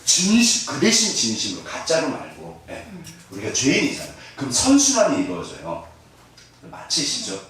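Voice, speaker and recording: Man, middle-aged pastor, sermon, jokey and self-deprecating, very lively pitch, heavy echo, distant mic. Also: moderate pace. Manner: humorous, self-deprecating, animated with laughter. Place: church sanctuary.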